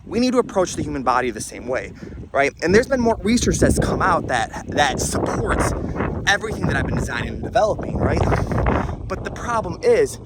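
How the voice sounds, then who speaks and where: Man, casual rambling monologue, animated pitch, constant "right?", vehicle noise in background. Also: fairly quick. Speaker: wellness content creator.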